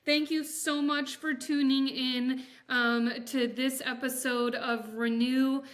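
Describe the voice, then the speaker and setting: Woman, thirties, podcast host, encouraging, higher-pitched voice. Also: flat delivery, slow, a bit bright. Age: 30s. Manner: friendly and encouraging with the guest. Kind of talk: hosting an interview podcast.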